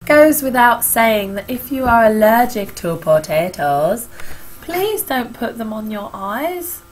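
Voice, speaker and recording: A woman hosting a casual beauty tutorial, chatty and self-mocking, her voice slightly husky and squeaky from a recent illness. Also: big pitch swings, slow, a little hiss or hum, low-quality recording. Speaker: beauty vlogger.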